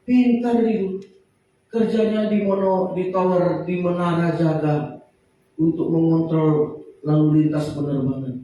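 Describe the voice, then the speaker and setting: A man preaching a sermon in a church, animated, acting out the panicked cries of people. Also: on the high side, lo-fi sound. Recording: echoey church hall from far off, faint noise.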